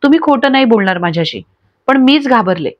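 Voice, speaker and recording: Anxious devoted young wife, woman reader, fairly high voice, dull lo-fi audio. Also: animated, brisk, natural voice. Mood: upset pleading. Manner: pleading, upset. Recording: dull lo-fi recording.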